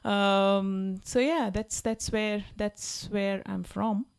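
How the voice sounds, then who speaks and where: A woman's voice: medium pitch, fairly even intonation, takes it slowly, gravelly, smooth. A woman in her thirties from India with an Indian accent, co-hosting a casual podcast chat and explaining things carefully for listeners. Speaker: podcast co-host.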